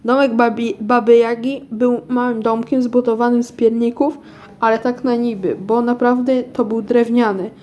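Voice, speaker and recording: A woman's voice: on the high side, level tone, moderate pace, a little mellow. A woman reading a children's story aloud in an unpolished way, often stumbling and restarting words. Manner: unpolished reading with frequent restarts and self-corrections.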